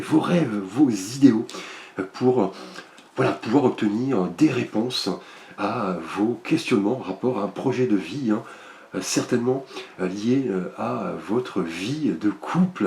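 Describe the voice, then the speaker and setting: A man's voice: mid-range voice, vocal fry. Man reading tarot cards in a roomy echo. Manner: gentle, many fillers like "euh" and "hein". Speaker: tarot card reader. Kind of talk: monthly astrology card reading.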